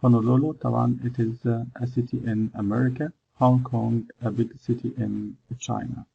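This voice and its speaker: A man's voice: mid-range voice, level tone, vocal fry, husky, lo-fi sound. A man with an Egyptian accent, teaching an English lesson over slides. He switches between English and Arabic and stops often with "uh" to think. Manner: explains in English and Egyptian Arabic by turns, with many "uh" pauses.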